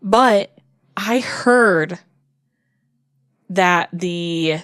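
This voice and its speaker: A woman's voice: lowish voice, drawn-out words, fairly bright tone, clear, resonant tone, dry recording, clean studio sound. A woman hosting a casual book podcast, rambling and correcting herself as she talks. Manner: rambling, restarts and self-corrections. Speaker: podcast host. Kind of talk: casual chat about books.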